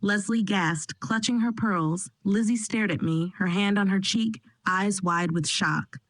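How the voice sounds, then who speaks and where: A woman narrating a first-person family drama in a steady, dramatic storytelling manner. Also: medium pitch, unhurried, dry recording, rough recording.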